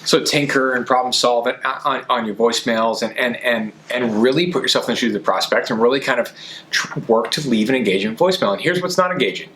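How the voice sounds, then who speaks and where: A man's voice: medium pitch, a little fast, fairly bright tone, slight background noise. A man coaching on sales in a conversational way, as a podcast host, stressing his points by repeating key phrases.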